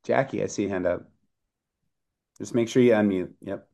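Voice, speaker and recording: A man's voice: on the low side, moderate pace, vocal fry, mellow. A man hosting a video call, giving brief friendly prompts to participants. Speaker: host.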